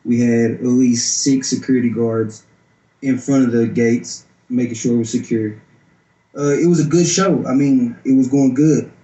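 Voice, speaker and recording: Even-toned man, mellow, in echo. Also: medium pitch, moderate pace. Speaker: security guard interviewee. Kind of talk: informal interview account. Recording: roomy echo.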